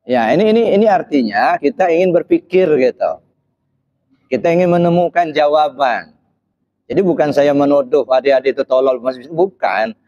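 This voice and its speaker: Warm in tone and a little high, this preacher's voice moves at a moderate pace with lively intonation. As an Islamic speaker, he quizzes his listeners and pushes them to reply, inserting short "ya" checks often. The sound is slightly dull and muffled.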